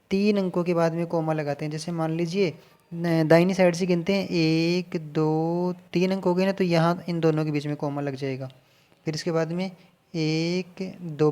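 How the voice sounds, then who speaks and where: Male teacher, patient, counts out loud step by step, warm mellow tone. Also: on the high side. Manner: patient, repeats and counts digits aloud slowly. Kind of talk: casual classroom explanation at a board.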